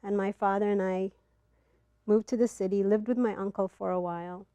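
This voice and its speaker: A middle-aged woman from Ethiopia telling a personal story to a live audience, earnest and halting, with pauses and fillers, on a clip-on mic. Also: mid-range voice, steady tone, mellow, no echo. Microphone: clip-on mic, not in front of the face.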